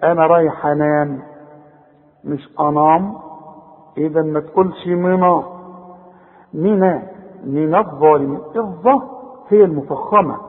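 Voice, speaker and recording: A man with an Egyptian Arabic accent teaching Quran recitation rules in a chatty, coaxing way, slowly drawing out the example words. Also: on the high side. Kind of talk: tajweed lesson with spoken demonstrations. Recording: tinny phone-like audio in a long reverb.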